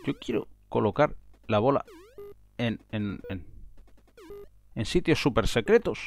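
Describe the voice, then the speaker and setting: A man giving casual, excitable commentary while playing a video game, breaking into frustrated outbursts. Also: medium pitch, unhurried, gravelly, soft background music. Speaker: gaming video host.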